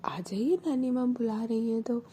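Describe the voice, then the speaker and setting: A woman voicing a shy young woman who speaks softly and gently. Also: medium pitch, brisk, gravelly, husky. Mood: gentle. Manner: soft and gentle.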